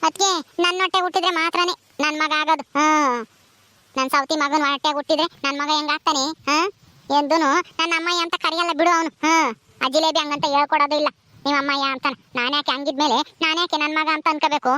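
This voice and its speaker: A childless young village wife, played by a woman, aches for a baby of her own. She speaks plaintively and turns her lament to God. Her voice sits very high and sounds bright and sharp. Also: steady tone, fast, no room sound. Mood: resentful. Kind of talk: village family drama acting.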